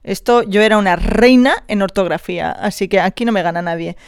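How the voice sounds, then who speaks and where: A woman's voice: medium pitch, brisk, clear, resonant tone, dry recording, clean studio sound. A woman in her thirties from Catalonia, with a Catalan accent, chatting casually through a quiz, reading questions aloud and dropping English slang. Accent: Catalan Spanish. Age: 30s. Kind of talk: casual chat while doing an online quiz.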